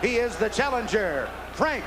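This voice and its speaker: High-pitched male boxing ring announcer. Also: big pitch swings, crowd noise, noisy background. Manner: boxing ring announcer delivery, deliberate and projected. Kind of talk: formal ring announcing of fighters and officials. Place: indoor boxing arena.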